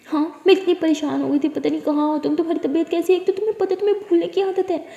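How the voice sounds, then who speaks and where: An anxious, emotional mother, put on by a woman storyteller, who upbraids in a high voice. Her tone is mellow and warm. The room is echoey with long reverb. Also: fairly even intonation, a little fast, lo-fi sound, natural voice. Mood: worried scolding. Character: worried emotional scolding mother.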